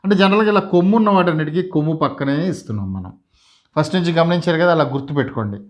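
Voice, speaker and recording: A man giving a slow lesson, sounding out each syllable and repeating it for learners. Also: fairly high pitch, animated. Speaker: Telugu teacher.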